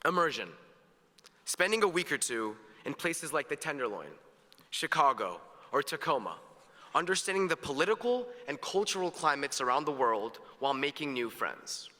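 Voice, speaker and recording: A man's voice: fairly high pitch, big pitch swings, normal speed, pushed and bright. A teenage male student giving an earnest, upbeat graduation speech with jokes, in a large hall. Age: teens. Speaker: graduation speaker. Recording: echoey hall, long reverb.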